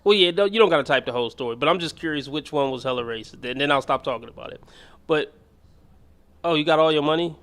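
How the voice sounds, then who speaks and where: A man's voice: fairly high pitch, fast talker, fairly bright tone. A man hosting a livestream, rambling through casual, slangy chat with his audience and laughing as he goes. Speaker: livestream host. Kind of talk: casual chat reacting to chat and a clip.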